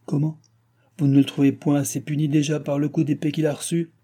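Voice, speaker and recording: A man's voice: on the high side, level tone, a little fast, dark tone, pitched above the performer's own voice, natural voice. A man voicing an aging, evasive king in an audiobook, exclaiming in exasperation. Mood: exasperated. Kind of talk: audiobook reading.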